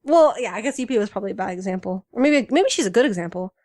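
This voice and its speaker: A woman's voice: mid-range voice, animated, racing, a little mellow, no echo, clean studio sound. A woman co-hosting a casual fan podcast, chatty and enthusiastic, full of fillers. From United States. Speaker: podcast co-host.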